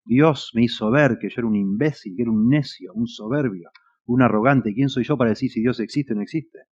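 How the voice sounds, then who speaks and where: A man's voice: mid-range voice, darkish tone. A man with a Rioplatense Spanish accent preaching a sermon, his mid-range voice earnest and pressing. He builds to emphatic points. The church recording sounds a little muffled. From Argentina. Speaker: pastor.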